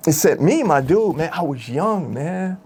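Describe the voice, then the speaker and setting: A man's voice: on the high side, big pitch swings, unhurried, a little mellow, slightly rough. A man telling his story in an interview, emotional and candid, full of street slang and asides like "my dude". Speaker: former rap group member telling his story.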